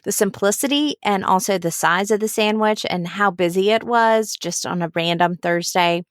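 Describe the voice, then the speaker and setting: Speaking at normal speed and medium pitch, a female podcast host records from within a clothes closet. The audio is close and dry, without echo. It begins as a scripted introduction before turning into a casual interview chat.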